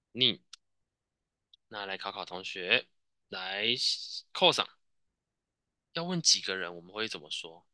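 Taiwanese guy teaching japanese, lots of "哦", crisp bright voice, dry sound. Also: lowish voice, no echo. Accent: Taiwanese Mandarin. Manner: patient, repeats answers, frequent "哦" tags. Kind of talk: classroom teaching with student drills.

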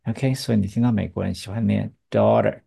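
A woman's voice: extremely low pitch, steady tone, fast, vocal fry, a crowd in the background. A woman teaching English pronunciation, explaining patiently in Chinese and drilling each word with a student. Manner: patient, drills words, asks rhetorical checks. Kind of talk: bilingual English pronunciation lesson.

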